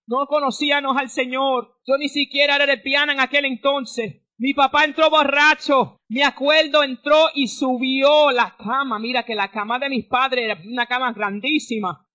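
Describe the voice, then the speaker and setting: A woman's voice: high-pitched, bright, forceful tone, muffled recording. A woman pastor giving a fervent radio testimony sermon, breaking into praises between her story.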